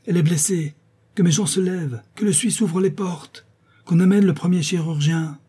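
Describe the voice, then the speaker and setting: A commanding nobleman barking orders to his household, voice lifted high, in an audiobook, as a man puts him on. Dark and husky in tone. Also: moderate pace. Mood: alarmed. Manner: shouting orders. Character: alarmed commanding aristocratic marquis man. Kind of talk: audiobook character reading.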